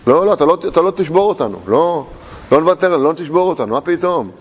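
A man's voice: a little high, animated, in a large hall, a little hiss or hum, natural voice. A man voicing a taunting, possessive evil force that pushes a deserter not to leave, in an insistent, mocking manner.

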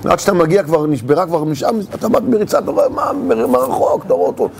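A man's voice: sits high, expressive, vocal fry, a little hiss or hum. A man teaching a religious lesson, animatedly telling a parable and acting out its scenes.

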